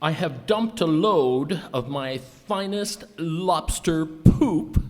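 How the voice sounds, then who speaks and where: A man's voice: a little high, animated, slow, darkish tone. A man playing a gloating evil lobster supervillain in an amateur live radio skit. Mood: gloating, menacing. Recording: echoey hall.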